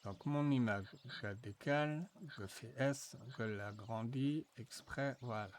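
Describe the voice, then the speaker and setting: A man walking viewers through a software tutorial, thinking aloud with frequent fillers and restarts. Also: mid-range voice, a little hiss or hum. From France. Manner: slow, hesitant, thinking aloud with many fillers. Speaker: tutorial presenter. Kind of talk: screen-recorded software tutorial.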